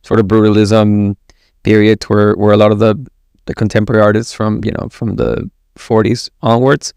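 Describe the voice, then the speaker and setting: A man's voice: lowish voice, normal speed, gravelly, clean tone, no echo, studio quality. A man from Ecuador, a gallery director, chatting casually as a podcast guest, rambling with restarts. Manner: relaxed, rambling, with many restarts. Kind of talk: casual interview chat.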